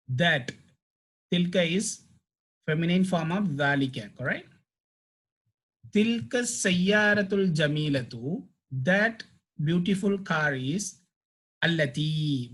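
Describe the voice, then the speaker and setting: Brief: male language teacher, slow and patient, husky voice. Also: fairly high pitch, a bit bright. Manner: explains slowly, repeats phrases, translates word by word. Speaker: Arabic teacher. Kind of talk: language lesson.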